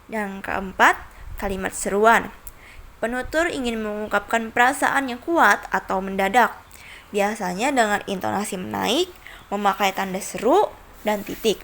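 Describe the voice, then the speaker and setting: A young woman talks through a grammar lesson in a steady reading voice. Her pitch sits in a middle range, and small hesitations break up the flow now and then. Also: measured pace. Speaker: student presenter.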